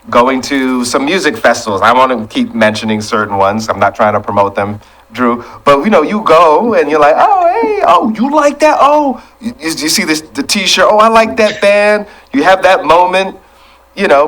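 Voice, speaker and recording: A man's voice: fairly high pitch, expressive, normal speed, fairly bright tone, poor audio. A man hosting a casual culture podcast, talking in a laid-back, reflective way and steering the conversation. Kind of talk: casual chat.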